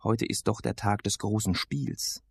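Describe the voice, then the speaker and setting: A man voicing a frail old male teacher sick with the flu, speaking slowly and fussily. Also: lowish voice, vocal fry, husky, exaggerated voice. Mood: kindly.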